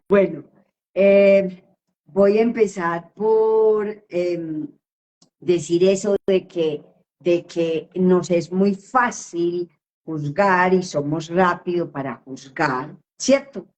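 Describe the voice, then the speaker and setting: A woman therapist answering questions in a live online session, speaking slowly and emphatically and often checking in with her listener. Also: on the low side, a little mellow. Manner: slow, emphatic, with frequent question tags.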